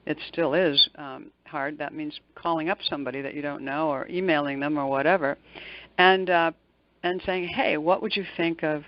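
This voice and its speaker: An older woman with a low-pitched voice speaks at normal speed, giving conversational answers as an interview guest who works as a motivational speaker and executive coach. She is emphatic and likes to repeat words for stress. The recording has no echo, and the highs are cut off.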